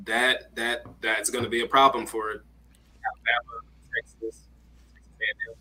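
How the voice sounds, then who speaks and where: A man's voice: mid-range voice, flat delivery, normal speed, pushed and bright, slightly rough, low-quality recording. A man in casual sports chat whose microphone keeps cutting out, so his volume rises and drops unevenly.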